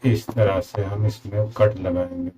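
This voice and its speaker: A man with a low, mellow voice walks viewers through a sewing lesson step by step, repeating each instruction at a slow pace. His throat is slightly sore. Faint ambience sits behind his voice. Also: fairly even intonation, slight background noise. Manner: slow, repetitive instructions addressing viewers as friends. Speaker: tailoring instructor.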